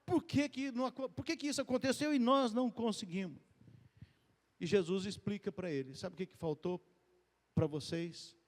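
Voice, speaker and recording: A man preaching to his congregation in a loose, conversational way, often lifting his voice and quickening. His voice sits fairly high for a man. The sound carries a long hall reverb from the church room. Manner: conversational, addresses the congregation as "queridos" and "gente"; lively, often rises in pitch and speeds up. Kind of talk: sermon.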